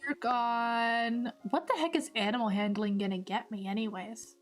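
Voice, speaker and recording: A woman's voice: fairly high pitch, fairly even intonation, moderate pace. A woman streamer playing a text game, reading its narration aloud in a rambling, self-deprecating way. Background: soft background music.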